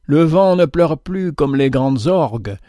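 A man giving a slow, theatrical reading of a moral parable in a preacherly manner. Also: on the high side, expressive, mellow, no echo, studio quality. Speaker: narrator.

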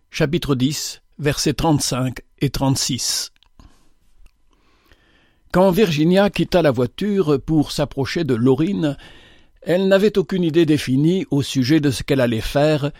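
A man narrates an audiobook in a measured way, with only rare hesitations. His voice sits a bit high for a man. The recording is dry and close. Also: a little mellow, no echo. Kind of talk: audiobook reading.

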